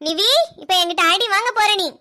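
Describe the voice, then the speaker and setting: A woman's voice: very high voice, a little fast, pushed and bright. A woman voicing a stern young mother in a cartoon, nagging sharply. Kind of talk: cartoon voice acting.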